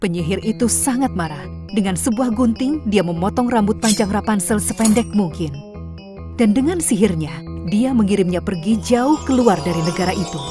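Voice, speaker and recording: A woman narrating a fairy tale for a cartoon in an even, clear scripted storybook voice. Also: mid-range voice, moderate pace. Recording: studio voice-over with music bed.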